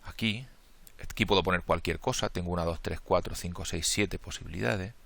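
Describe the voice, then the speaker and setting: A math lecturer with a Spain Spanish accent works through a combinatorics problem step by step, counting the steps aloud, thinking out loud, and correcting his own slips. His voice is low, gravelly, and a bit bright, and his delivery is brisk.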